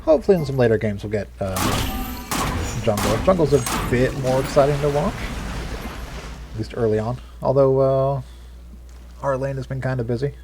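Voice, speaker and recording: A man giving casual, hesitant gameplay commentary as a streamer, low-key and self-deprecating. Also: normal speed, long pauses, background noise. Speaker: game streamer. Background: game music and effects.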